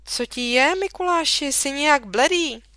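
A woman's voice: sits high, lively intonation, sharp tone, no room sound, pitched above the performer's own voice, full character voice. A woman voicing a worried mother who fusses anxiously over her son, in a storybook reading. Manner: anxious, fussing.

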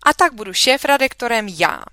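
A woman reading aloud, voicing a bossy schoolboy who talks loudly. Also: on the high side, very animated, no room sound, pitched above the performer's own voice, full character voice. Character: loud schoolboy claiming leadership.

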